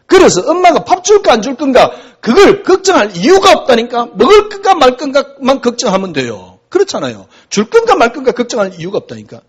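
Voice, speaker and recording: A man's voice: very high voice, huge pitch swings, fairly quick, hardly any pauses, breathy edge. A man preaching a sermon as pastor, talking conversationally and asking rhetorical questions.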